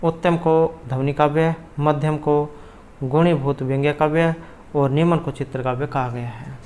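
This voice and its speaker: A man's voice: fairly high pitch, a little mellow, a little hiss or hum. A man tutoring for a Sanskrit exam, explaining each question and its answer option in a methodical way.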